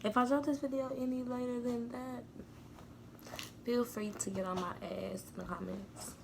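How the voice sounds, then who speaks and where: A woman's voice: fairly high pitch, steady tone, moderate pace, vocal fry, a little mellow, a little hiss or hum. A young woman hosting a casual mukbang at home, chatting directly to her viewers.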